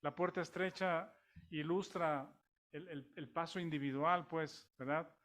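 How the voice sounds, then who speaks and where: A man's voice: a little high, fairly even intonation, a little slow, a bit bright. A man with a Mexican accent preaching a sermon in a conversational way, with many restarts and rhetorical questions to the congregation.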